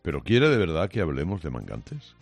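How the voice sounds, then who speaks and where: Gravelly, very deep man giving a combative monologue. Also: huge pitch swings, faint music behind. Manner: combative, sarcastic, with many pauses and restarts. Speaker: radio host. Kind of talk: opinion monologue.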